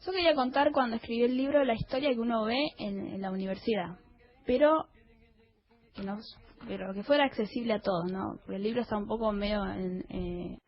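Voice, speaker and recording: A woman's voice: medium pitch, a little fast, lo-fi sound. Cute anime-voiced Argentine woman. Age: early 30s. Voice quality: small, cute, girlish anime-like voice. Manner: giggly, informal. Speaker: interview guest, historian and author. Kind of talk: casual chat.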